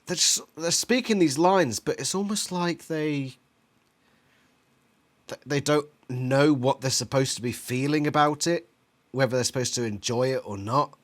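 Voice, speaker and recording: A man's voice: mid-range voice, measured pace. A man co-hosting a casual watch-along chat, teasing his friend and laughing easily. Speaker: co-host.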